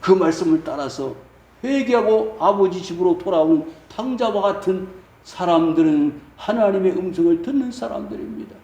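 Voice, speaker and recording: High-voiced Korean man preaching. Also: animated, moderate pace, reverberant, recorded from a distance, dull audio. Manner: rhetorical questions to the congregation, swinging loud and soft. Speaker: pastor. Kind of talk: sermon. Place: church sanctuary.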